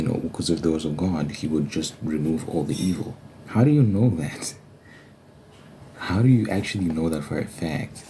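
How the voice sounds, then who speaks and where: The host of an ASMR Bible study channel offers informal commentary in a dark bass voice, pressing his points emphatically with rhetorical questions. There's slight background noise.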